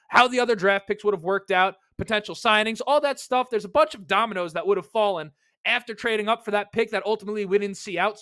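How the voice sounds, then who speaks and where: High-voiced New man, rambling podcast host. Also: fairly bright tone, dry recording. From New York. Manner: rambling, asks rhetorical questions, self-mocking asides. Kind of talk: casual solo sports podcast talk.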